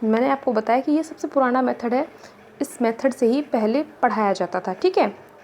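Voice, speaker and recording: An Indian-accented woman delivers an exam-prep lecture in a voice pitched a little above most women. She goes over each point more than once and keeps checking in with her listeners. A faint noise sits behind her voice. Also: moderate pace, darkish tone. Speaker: teacher.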